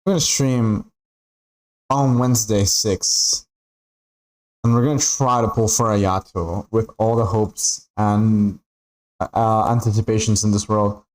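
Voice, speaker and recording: A young man from Peru talks with a slightly low voice while he plays a game for his stream. His chat is loose and rambling, full of fillers like "like" and tag questions. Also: steady tone, takes it slowly, rough recording. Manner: rambling, chatty, filler-heavy with frequent "like" and "right?". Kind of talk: casual chat while gaming.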